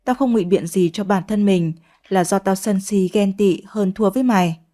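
A woman's voice: medium pitch, moderate pace, dark tone, natural voice. A woman voicing a remorseful young woman who begs forgiveness in a pleading, ashamed way.

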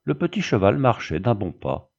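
A man narrating a classic story in a measured, storybook reading. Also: on the low side, big pitch swings, gravelly, darkish tone, breathy edge, highs cut off. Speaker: audiobook narrator. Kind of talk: scripted narration.

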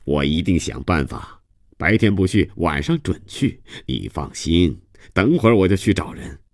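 A man's voice: low-pitched, big pitch swings, darkish tone, dry recording, studio quality, full character voice. A male narrator voicing a boastful, evasive man who hurries to fob off an unwanted friend. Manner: quick, impatient and fobbing off.

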